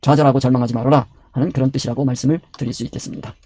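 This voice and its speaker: A man's voice: mid-range voice, fairly even intonation, rapid-fire, dark tone, breathy edge, dry recording. A man preaching a Bible study sermon. He asks questions and answers them himself, and he repeats his key words. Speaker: pastor.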